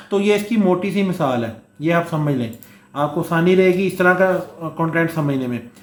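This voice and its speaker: A man's voice: fairly high pitch, normal speed, fairly bright tone. Coughing male instructor in an echoey room. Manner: explains with frequent "theek hai" check-ins and fillers. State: short of breath, coughing at times. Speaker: course instructor. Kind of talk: Hindustani lecture mixed with read-out English.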